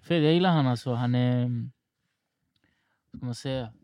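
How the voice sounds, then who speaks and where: A man from Stockholm hosting a casual podcast chat, laid-back and slangy, talking in quick bursts. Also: mid-range voice, darkish tone, smooth, no room sound. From Rinkeby, Stockholm, Sweden.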